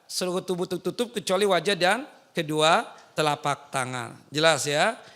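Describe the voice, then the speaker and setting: A man's voice: fairly high pitch, moderate pace. A man, preaching to women and teasing them with questions. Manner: lively, teasing, asks the audience questions. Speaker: Islamic preacher. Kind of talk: sermon to women. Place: mosque.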